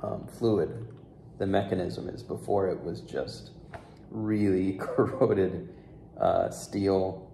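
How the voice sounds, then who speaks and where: A young man in his twenties, a flute restorer, talking casually to the camera about his work in a relaxed way with fillers. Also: deep voice, slow, creaky. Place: sunroom with large windows, indoors. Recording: echoey room with faint background noise.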